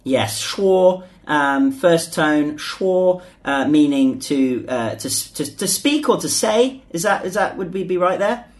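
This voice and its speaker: A man's voice: fairly high pitch, expressive, unhurried, few pauses. A man co-hosting a casual podcast, chatty and prone to repeating himself. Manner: chatty, repeats himself, sings a short jingle. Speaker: podcast co-host.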